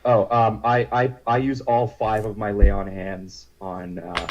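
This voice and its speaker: A man's voice: on the low side, fairly even intonation, unhurried. A man playing a tabletop game over an online call, talking in a hesitant, apologetic way. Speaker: player. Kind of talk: casual chat. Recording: dull lo-fi online call audio.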